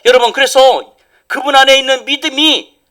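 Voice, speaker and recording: A middle-aged male pastor preaching a sermon, swinging from loud emphatic lines down to near whispers. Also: very high-pitched, steady tone, moderate pace. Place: church sanctuary.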